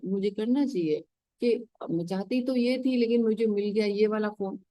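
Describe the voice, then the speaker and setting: Woman coach with a mellow voice. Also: medium pitch, dry recording, low-quality recording. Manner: animated, mixes English into Hindi, acts out little scenes. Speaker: emotional wellness coach. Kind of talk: casual teaching talk.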